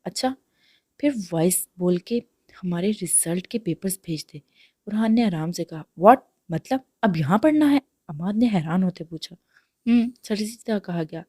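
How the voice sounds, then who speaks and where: Woman calmly reading a novel aloud. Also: fairly low pitch, no echo, studio quality. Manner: calm even reading, voicing each character lightly. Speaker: novel reader. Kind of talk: narrating a romance novel aloud.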